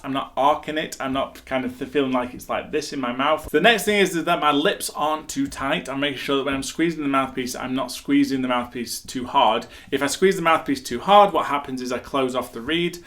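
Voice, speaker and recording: A man's voice: medium pitch, fairly bright tone. A man teaching a hands-on saxophone lesson, upbeat and encouraging as he talks viewers through each step.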